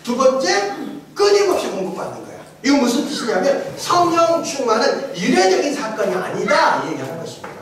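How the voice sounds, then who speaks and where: A middle-aged man, a pastor teaching his congregation, quizzing them with jokes and laughter, then building to emphatic shouted refrains. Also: extremely high pitch, very animated, brisk, crowd noise. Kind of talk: interactive sermon teaching. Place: large church hall with congregation. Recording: echoey hall, distant mic, congregation audible.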